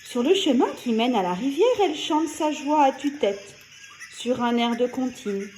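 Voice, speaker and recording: A woman reading a children's story aloud in an expressive, animated storytelling manner. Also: a little high, moderate pace, a little hiss or hum.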